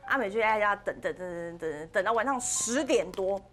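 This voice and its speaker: Lively Taiwanese woman spinning a ghost story. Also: medium pitch, normal speed, faint music behind. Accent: Taiwanese Mandarin. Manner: animated, acts out the characters' lines. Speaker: podcast host. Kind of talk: casual ghost-story telling.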